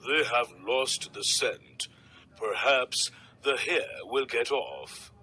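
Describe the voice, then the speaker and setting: A man reading the part of a blunt, knowing horse in a storybook, louder and more emphatic than his usual voice. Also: mid-range voice, animated, slow pace, husky, heavily acted.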